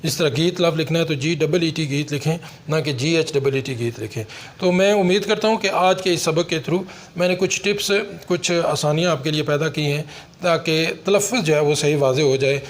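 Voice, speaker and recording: A man giving an online language lesson, spelling words out slowly and repeating each one twice. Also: a little high. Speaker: teacher.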